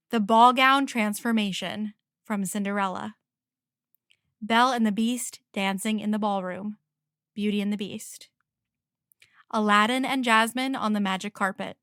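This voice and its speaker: A woman's voice: medium pitch, fairly bright tone, clean tone, dry recording, clean studio sound. A woman co-hosting a podcast, chatting casually and enthusiastically, laughing easily. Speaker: podcast co-host.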